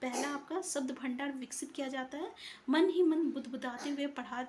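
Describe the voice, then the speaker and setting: A woman's voice: sits high, normal speed, a little mellow, a little hiss or hum. A woman teaching an exam-prep lesson, working through answers step by step and often checking in with her students. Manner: explains answers step by step, often asks "ठीक है".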